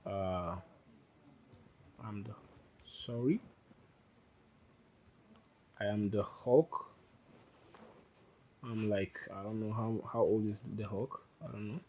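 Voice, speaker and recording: Casual low-voiced man teaching code. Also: takes it slowly, pauses often, lo-fi sound. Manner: informal, rambling, self-correcting. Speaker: programming instructor. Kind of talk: casual screen-recorded coding tutorial.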